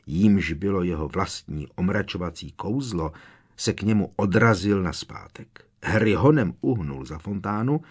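A man narrating an audiobook with a lively, expressive reading. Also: sits low, husky.

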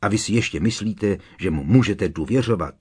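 A man's voice: on the low side, animated, darkish tone, husky. A man reading an audiobook, voicing a defensive middle-aged male minister who argues in an agitated, raised voice. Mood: indignant.

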